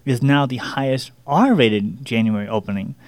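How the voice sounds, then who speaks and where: A man's voice: mid-range voice, moderate pace. A man reads out box office news on a casual talk show, breaking off now and then with a laugh. His voice sits in the middle of the range for a man. The studio mic gives a close, dry sound with no room echo. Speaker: podcast co-host reading entertainment news. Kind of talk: casual chat.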